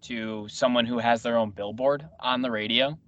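A man's voice: mid-range voice, fairly even intonation, moderate pace, a bit bright. A man hosting a casual sports radio chat, wry and teasing, talking a lot. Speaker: radio show host. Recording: muffled lo-fi audio.

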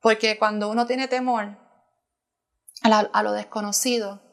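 A woman's voice: on the high side, flat delivery, normal speed. A woman sharing a personal testimony as a church planter in conversation, earnest and emotional, often restarting her sentences.

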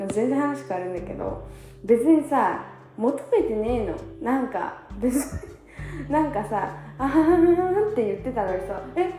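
A tired young woman in her twenties chatting casually on her own, self-mocking and acting out quotes in a higher voice. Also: reverberant. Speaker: vlogger. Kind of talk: casual solo chat. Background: soft guitar music.

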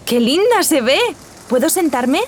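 A woman acting as a customer trying out a chair in a scripted learner dialogue, with a bright, eager delivery. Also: high voice, animated, measured pace, a little hiss or hum. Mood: delighted.

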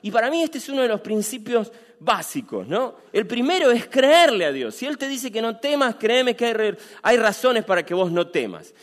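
Man, Rioplatense accent, pastor, animated sermon, big pitch swings, long church reverb. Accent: Rioplatense Spanish. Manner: animated, acts out quoted dialogue, repeats phrases.

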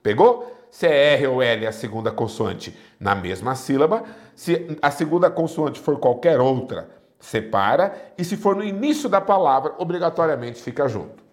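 A man's voice: mid-range voice, normal speed. A man teaching a grammar lesson, explaining step by step and checking in with his students every few sentences. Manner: lively, checks in often with the class. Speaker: Portuguese teacher.

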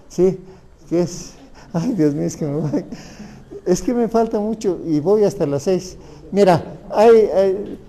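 A man's voice: on the high side, mellow. A man with a Mexican Spanish accent giving a lecture on family law, asking the audience rhetorical questions.

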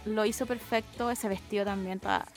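A woman's voice: medium pitch, steady tone, fairly quick, soft background music. A young woman with a Chilean accent co-hosting a podcast, chatting casually and gushing with enthusiasm. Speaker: podcast co-host. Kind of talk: casual chat.

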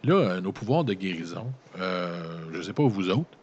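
A man with a Quebec French accent and a very deep, low voice reads an adventure gamebook aloud. He keeps stopping to toss in loose, slangy jokes to his listeners before picking the narration back up. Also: lively intonation, moderate pace, darkish tone, highs cut off, slight background noise. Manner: breaks off narration with joking, slangy asides. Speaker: gamebook reader and player. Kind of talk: reading a gamebook aloud with casual commentary.

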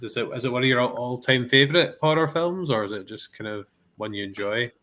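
A man's voice: medium pitch, brisk, bright, forceful tone. A man co-hosting a film podcast, asking his guests questions in an easygoing way. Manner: inquisitive, easygoing. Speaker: podcast co-host. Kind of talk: casual film discussion.

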